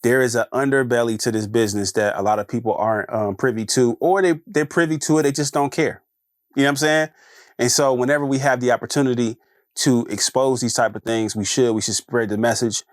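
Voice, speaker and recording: A man's voice: mid-range voice, steady tone, a little fast, no echo. A man talks through his views in a loose, chatty podcast monologue. He circles back on phrases and keeps checking in with the listener. The sound is dry and close, with no room around it. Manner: conversational, repeats phrases, frequent "you know what I'm saying". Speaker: podcast host. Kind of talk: casual solo commentary.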